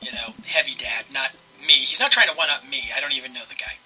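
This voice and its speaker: A man's voice: mid-range voice, lively intonation, quick pace, sharp tone, rough recording. A man hosting a let's play, casually commentating and reading game narration aloud.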